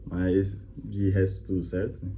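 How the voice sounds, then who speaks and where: A man's voice: sits low, completely flat delivery, a little slow. A man, hosting and teaching language in a chatty, explanatory way, often checking in with "né?". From Colombia. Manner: friendly, chatty, repeats examples with frequent "né?". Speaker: language teacher and channel host. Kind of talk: casual explanatory reaction video. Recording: slightly muffled with faint hum.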